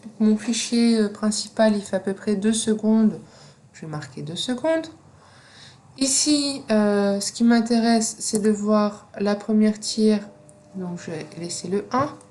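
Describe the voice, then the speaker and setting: Slow, patient woman teaching software. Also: medium pitch. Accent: non-native French accent. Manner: slow, step-by-step instructions with frequent fillers. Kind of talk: screen-recorded software tutorial.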